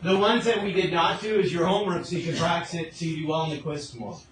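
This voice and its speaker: In a noisy recording from a classroom full of students, a man with a fairly high voice talks quickly. He's teaching math informally, solving a problem out loud and frequently asking short check-in questions.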